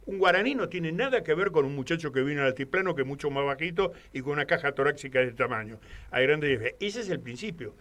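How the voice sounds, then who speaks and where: A man with an Argentine Spanish accent, a guest on a radio talk show, rambling through animated anecdotes. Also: a little high, fast. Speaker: guest commentator. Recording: studio radio microphone.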